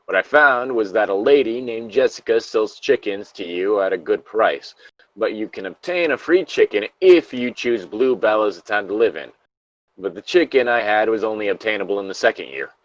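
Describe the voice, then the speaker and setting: Reading internet horror stories aloud with a co-host, he keeps things jokey and drops swear words in between passages. His voice sits lowish with lively intonation at a moderate pace, and the recording sounds muffled.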